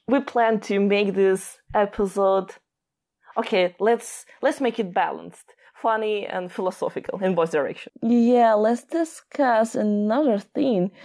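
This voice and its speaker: Young Russian-accented woman, mid-pitched podcast chat. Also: a little mellow. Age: 20s. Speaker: podcast co-host. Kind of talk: casual conversational chat.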